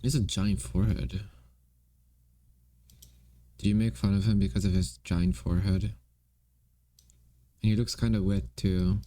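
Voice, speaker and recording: A man's voice: sits low, steady tone, unhurried, pauses often, mellow, dry recording. A young man streaming, chatting casually and playfully to himself and his viewers while gaming and drawing. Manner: playful, rambling, talks to himself and chat.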